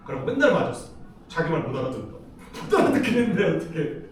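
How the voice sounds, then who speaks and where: His fairly high voice swings widely in pitch as he talks at a quick pace. This middle-aged lecturer from Seoul, South Korea, tells stories with frequent laughs in a casual, chatty style, recorded off-mic and far away in an echoey hall.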